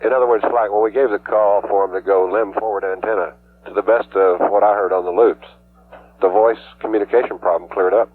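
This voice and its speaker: A man's voice: lowish voice, fairly even intonation, fairly quick, husky. A man working as a mission flight controller, speaking in clipped technical jargon over a narrow-band radio loop.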